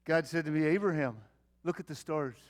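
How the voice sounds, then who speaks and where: Here the same character, the aging and devoted Abraham, is voiced by a man whose fairly high pitch sounds close to everyday speech, delivered a little fast. He addresses his young son in a theatrical Bible-character monologue, calling out at first and then becoming tender and confiding, all in an earnest storytelling mood.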